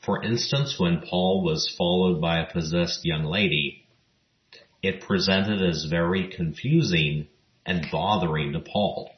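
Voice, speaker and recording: A man with a very low voice delivers scripted Bible teaching at an unhurried pace. He reads the scripture passages in a measured, even manner. The sound is roomy and a little muffled. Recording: roomy, dull lo-fi recording.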